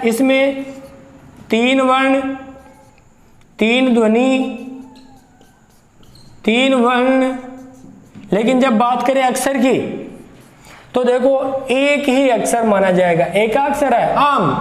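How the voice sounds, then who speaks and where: A man with a very high voice teaches a grammar lesson to exam students. He goes slowly, says each example word several times and questions his students as he builds the point. The sound is echoey, with the room ringing around him. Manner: slow, repeats words aloud to show how they sound; explains step by step and asks the students questions.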